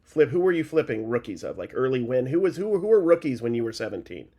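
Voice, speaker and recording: A man's voice: medium pitch, sing-song, fast, mellow. A man co-hosting a podcast in a chatty, teasing way. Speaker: podcast co-host. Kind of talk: casual chat.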